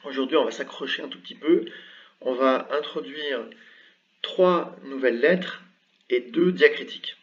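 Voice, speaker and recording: A man's voice: mid-range voice, moderate pace, a bit bright, recorded from a distance, highs cut off. A man teaching an online language lesson, explaining letters step by step in a patient way with frequent hesitations. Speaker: Arabic script teacher.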